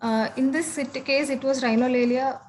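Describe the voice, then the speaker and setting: A young woman with a fairly high voice works through her case presentation, hesitating and answering every point with "yes, sir". Faint noise sits under her voice. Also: fairly even intonation, moderate pace, a little mellow, rough recording. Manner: deferential, hesitant, says "yes, sir" constantly. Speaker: student.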